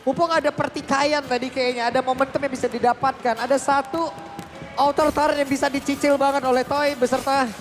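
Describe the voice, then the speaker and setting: A man's voice: very high-pitched, little pitch movement, fairly quick, music in the background. A man with an Indonesian accent giving live analytical commentary as an esports caster.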